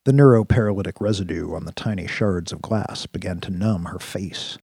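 A man narrating a sci-fi action story in a steady, vivid storytelling manner. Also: deep voice, brisk, gravelly, slightly rough, dry recording, studio quality. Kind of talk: audiobook-style story narration.

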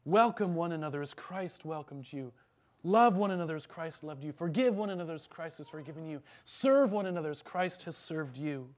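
A man's voice: fairly high pitch, animated, brisk, darkish tone. A man preaching an earnest, emphatic sermon as pastor, then leading a prayer in church.

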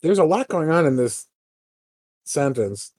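Dark-toned man, rambling casual talk. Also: a little high, very animated, measured pace, no echo, clean studio sound. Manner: rambling, heavy on "like" fillers, swears. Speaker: podcast co-host. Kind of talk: casual political chat.

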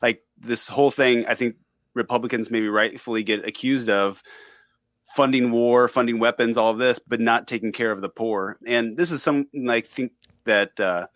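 A man's voice: medium pitch, steady tone, normal speed, fairly bright tone, no room sound, dull audio. A man in a casual podcast discussion. He talks in a thoughtful, hedging way and fills his speech with "like.".

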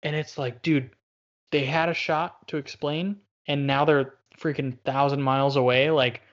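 A man chatting casually with a friend, animated, laughing and acting out lines from a show. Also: fairly high pitch, normal speed. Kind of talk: casual chat. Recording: dull lo-fi sound.

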